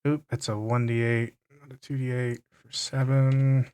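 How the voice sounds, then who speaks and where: Man, game master, slow unhurried delivery, halting restarts, mid pitch. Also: little pitch movement, a little mellow, clear, resonant tone. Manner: unhurried, stumbling over words. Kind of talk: narrating a tabletop game.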